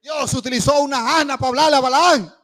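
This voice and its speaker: A man preaching a sermon in a church, swinging between loud calls and hushed asides and acting out the voices he quotes. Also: extremely high pitch, fast. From Panama. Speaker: pastor.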